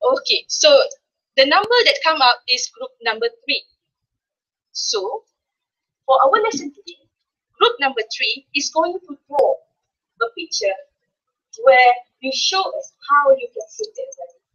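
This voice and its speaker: A woman from Malaysia giving slow, clear instructions as she leads a workshop activity. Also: high-pitched, very animated, bright, forceful tone. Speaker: teacher presenting a workshop. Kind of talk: classroom demonstration. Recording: dull lo-fi classroom recording.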